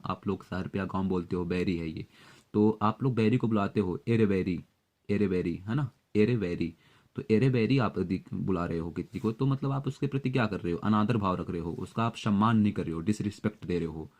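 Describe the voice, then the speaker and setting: Guy teaching vocab tricks, kinda low voice, explains step by step with lots of "uh". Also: darkish tone. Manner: explanatory, repeats key words with fillers. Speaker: vocabulary teacher for exam prep. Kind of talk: Hindi-English vocabulary lesson with memory tricks.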